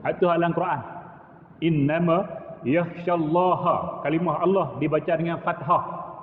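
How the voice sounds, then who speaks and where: Male mosque teacher, middle-aged, unhurried; tinny recording with long hall reverb. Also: a little high, slight background noise. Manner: demonstrates recitation, chanting Arabic phrases between plain explanation. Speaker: religious teacher. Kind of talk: mosque lecture on Quran recitation.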